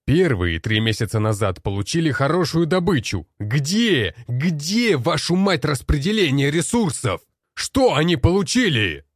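Raging older commander, yelling and swearing, dark low voice , put on by a male narrator. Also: lively intonation, unhurried, dry recording, clean studio sound. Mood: furious. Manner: shouting, swearing, bitter.

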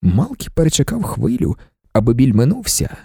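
A man reading an audiobook as narrator, brisk and expressive. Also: medium pitch, gravelly, breathy edge, dry recording, studio quality.

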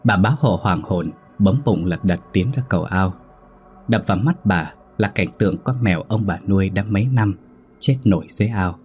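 A man narrates a scripted horror story. His voice sits very low, and he keeps a steady, brisk storytelling pace. Faint music plays underneath.

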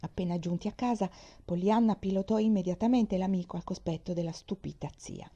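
Woman reading a kids' classic out loud, calm and steady, warm mellow tone. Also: medium pitch, dull audio. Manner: calm, measured storytelling. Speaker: reader. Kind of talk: audiobook reading of a children's novel.

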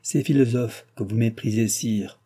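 A man's voice: mid-range voice, fairly even intonation, moderate pace, dark tone, slightly rough, natural voice. A man voicing a royal police lieutenant who talks in an earnest, deferential way.

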